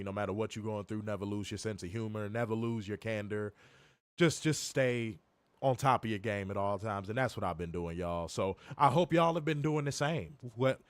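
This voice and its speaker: In a fairly low-pitched, hoarse male voice, the Chicago-based wrestling stream co-host jokes and swears while speaking directly to viewers from home. He is recovering from illness, the chat is casual, and the recording is dry.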